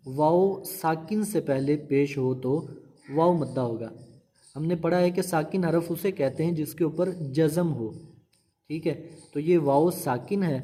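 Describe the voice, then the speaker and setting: Male Quran teacher, patient and repetitive, dark mellow voice, slightly high pitch. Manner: patient, repeats rules and drawn-out syllables. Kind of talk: slow instructional recitation lesson.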